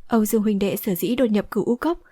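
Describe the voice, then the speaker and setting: A woman's voice: mid-range voice, fast, dark tone, dry recording, natural voice. A woman reading the part of a resolute young swordswoman who speaks firmly and decisively, in a dry close recording. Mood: composed. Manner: firm, decisive speech. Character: young heroine, resolute and fierce-tempered.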